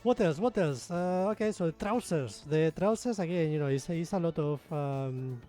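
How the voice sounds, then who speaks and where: A man's voice: on the high side, moderate pace, warm tone, faint music behind. A young man with a Spanish accent, explaining his miniature painting in a rambling, self-deprecating way with lots of fillers. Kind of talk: casual tutorial talk.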